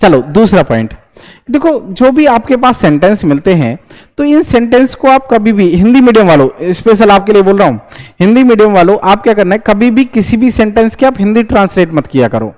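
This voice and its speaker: A young man teaching English grammar in Hindi, lecturing to students and firing quick questions he answers himself. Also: high-pitched. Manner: lively, repeats checks like "understood?". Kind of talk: classroom lecture.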